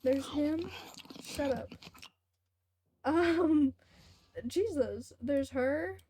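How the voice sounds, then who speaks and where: A young woman game streamer chats casually and hesitantly while playing on a livestream, rambling a little over faint game music. Her voice sits high with a dark tone, and she speaks extremely slowly.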